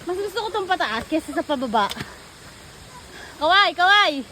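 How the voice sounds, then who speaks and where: Breathless from hiking a rocky trail to a waterfall, a woman travel vlogger talks fast in a very high voice, full of excited exclamations and bits of English. The low-quality recording carries a little hiss or hum, and a loud waterfall roars behind her.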